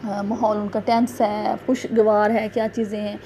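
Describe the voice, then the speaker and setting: A woman teacher talks students through a revision lesson in a gravelly, mellow voice. She speaks haltingly, stretching out fillers and correcting herself mid-word. She patiently repeats key points and backs them with examples. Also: mid-range voice, level tone, a little hiss or hum. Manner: halting, with many drawn-out fillers and self-corrections.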